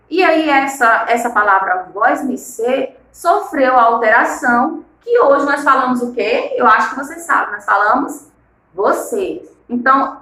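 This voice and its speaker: A woman's voice: sits high, fairly bright tone, roomy sound, low-quality recording. A woman teacher from Maranhão with a northeastern Brazilian accent, explaining a lesson and asking the class rhetorical questions. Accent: Maranhão Brazilian Portuguese. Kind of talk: recorded online class lesson.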